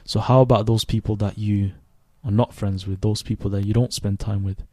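A man in his twenties, raised in Sweden, hosting a reflective solo podcast in a thoughtful, unhurried way with many restarts. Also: fairly low pitch, fairly even intonation, mellow, no echo. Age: 20s. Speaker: podcast host.

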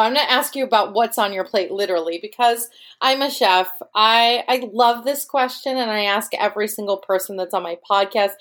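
A woman with a fairly high voice hosts a casual podcast interview. She gushes with enthusiasm and quick praise for her guest, keeping the tone friendly and upbeat. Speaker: podcast host and chef.

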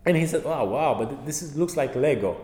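With a higher-leaning voice and a brisk pace, this Romanian guest, whose first languages are Romanian and Hungarian, chats casually about his work as a passive house trainer. He acts out quotes, uses many fillers and tells stories animatedly. A roomy reverberant hall and faint background noise surround him.

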